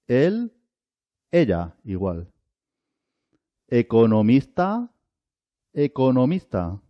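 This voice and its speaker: Guy teaching spanish real slow, voice swings up and down a lot, dull dry lo-fi sound. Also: mid-range voice, dry recording. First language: Arabic. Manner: drills single words with long pauses between. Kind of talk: slow, deliberate language lesson.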